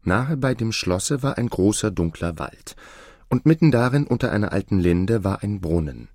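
Deep-voiced man reading a fairy tale. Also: animated, normal speed, darkish tone, dry recording, clean studio sound. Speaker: narrator.

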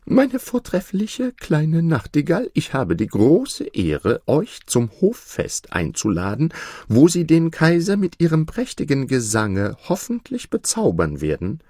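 A man's voice: on the high side, huge pitch swings, a little slow, warm tone, slightly rough, no echo, clean studio sound, voice pushed up, exaggerated voice. A man voicing a fussy, pompous court steward in a storybook reading, self-important in manner.

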